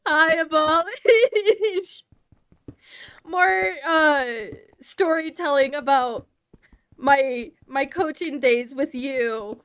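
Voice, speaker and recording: A woman's voice: high-pitched, takes it slowly, fairly bright tone, no room sound. A woman from the Southern United States with a Southern accent, chatting casually on a livestream. She is playful, laughs often and stumbles over her words. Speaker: streamer.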